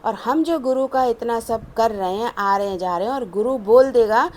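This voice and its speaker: Female satsang preacher, higher register, measured repetitive sermon delivery. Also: a little mellow. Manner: measured and repetitive, explaining stories slowly. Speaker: satsang speaker. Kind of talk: devotional sermon.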